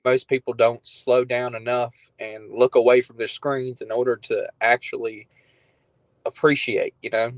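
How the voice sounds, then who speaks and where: A man of thirty telling stories as a podcast guest in a loose, relaxed, conversational way. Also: medium pitch, a little slow, no room sound, poor audio. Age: 30s. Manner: laid-back storytelling, loose and conversational. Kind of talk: casual chat.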